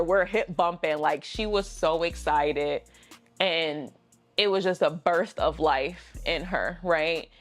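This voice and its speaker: A woman vlogger telling a personal story, candid and emotional, chatty with slang asides. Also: fairly low pitch.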